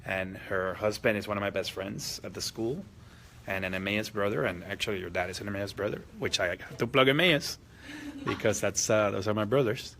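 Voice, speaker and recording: A man's voice: lowish voice, brisk, gravelly, a bit bright, a little hiss or hum. A man hosting a group meeting, chatty and friendly, often repeating himself. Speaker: meeting host. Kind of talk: casual hosting chat.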